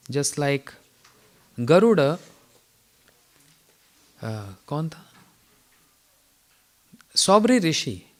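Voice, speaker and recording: Man, spiritual teacher, morning lecture, somewhat high voice, chatty anecdotes. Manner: storytelling with frequent throat clearing and chuckles.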